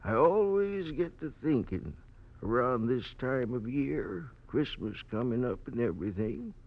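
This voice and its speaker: An actor playing a very old, frail and gentle male prisoner in a radio drama, with halting, repetitive speech. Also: medium pitch, animated. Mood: weary, resigned. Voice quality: creaky very old man's voice. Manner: halting, repeats his words. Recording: dull old radio recording.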